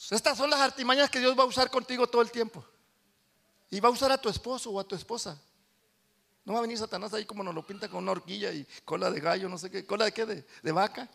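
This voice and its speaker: Man, pastor, sermon in church, high voice, gravelly edge, bright tone, soft to shouting. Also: quick pace. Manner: animated, swings from soft confiding to loud shouting.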